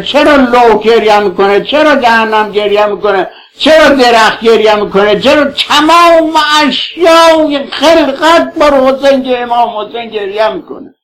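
A man preaches a religious sermon in a fervent, declaiming manner. His voice sits notably high. He piles up rhetorical questions, swinging between loud appeals and quiet passages. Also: low-quality recording.

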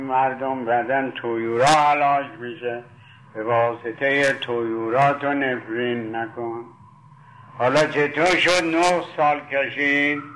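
A man's voice: medium pitch, a bit bright, rough recording. A man preaching a sermon, retelling stories with quoted dialogue and fondly addressing his listeners. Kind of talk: sermon storytelling.

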